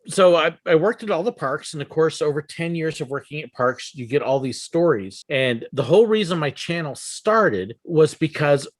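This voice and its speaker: A middle-aged man chatting as a game show contestant, in a friendly storytelling manner. His voice sits a little high, and he pauses now and then with ums. The recording is dry and close. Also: expressive, no echo. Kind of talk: casual conversation.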